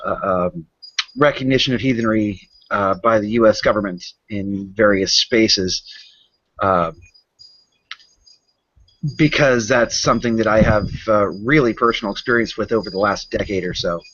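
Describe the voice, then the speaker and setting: A man's voice: lowish voice, normal speed, a bit bright, slight background noise. A man joining a casual podcast as a guest, chatty and self-assured, on a dull lo-fi recording.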